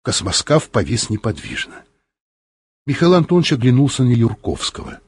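A man narrating an audiobook in an expressive, animated reading style. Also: mid-range voice, moderate pace, husky.

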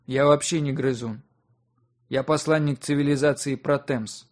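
A man's voice: mid-range voice, steady tone, normal speed, lightly acted. A man voicing a polite, formal winged alien envoy who speaks in a courteous manner.

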